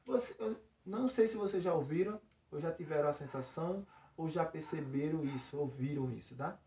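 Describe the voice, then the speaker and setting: A man's voice: a little high, a little fast, mellow, slight background noise. Male teacher at the board, mic far off, dull roomy sound, keeps checking in. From Brazil. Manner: explains with frequent check-in tags and restarts. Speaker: physics teacher. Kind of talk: recorded classroom lesson. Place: classroom by a board.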